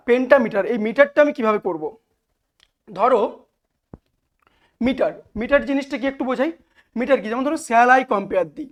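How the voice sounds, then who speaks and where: A woman teacher with a Bengali accent giving a lecture, explaining step by step and asking and answering her own questions. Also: on the high side. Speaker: English literature teacher. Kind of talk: classroom lecture.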